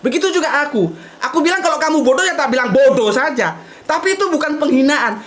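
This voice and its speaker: A man's voice: very high voice, animated, fast talker, a crowd in the background. A man giving a blunt, outspoken casual talk to an audience, often tagging sentences with "gitu loh". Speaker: invited speaker at a religious discussion.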